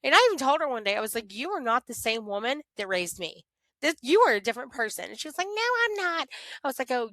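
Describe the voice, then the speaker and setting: Middle-aged woman, guest recounting her life candidly, bright tone, expressive, dry close recording. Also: on the high side, no echo. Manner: animated, expressive, talks to herself in quoted prayers. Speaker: interview guest. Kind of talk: candid conversational storytelling.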